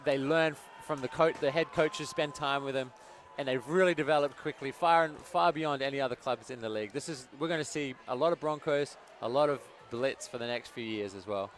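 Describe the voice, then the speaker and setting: A man's voice: medium pitch, brisk, hardly any pauses. A man speaking as co-commentator and league representative, earnest and enthusiastic about the players. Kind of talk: sports commentary. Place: outdoor sports ground.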